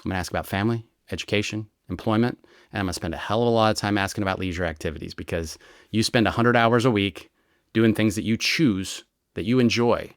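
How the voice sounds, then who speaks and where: A man, a retired American federal agent, explaining his methods in an interview with lively examples and frequent "right?" checks. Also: lowish voice, fast talker, dry recording, clean studio sound. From United States. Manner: animated storyteller, explains with examples and rhetorical "right?". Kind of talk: conversational explanation.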